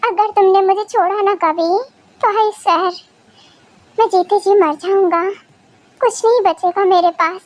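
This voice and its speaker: A woman's voice: very high voice, steady tone, measured pace, long pauses, no echo. A woman playing a tearful, tender young husband. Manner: soft, affectionate, emotional. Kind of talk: fan audio drama.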